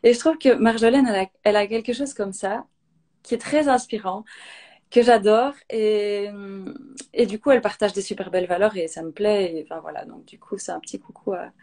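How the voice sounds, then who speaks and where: A woman's voice: medium pitch, brisk, warm tone. A woman in her thirties, a guest on a live video interview, talking spontaneously with many hesitations and restarts.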